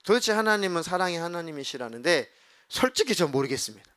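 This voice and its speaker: A man's voice: on the high side, very animated, fast talker, fairly bright tone. A male pastor preaching a sermon in a church, earnestly acting out his own past complaining prayers. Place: church sanctuary.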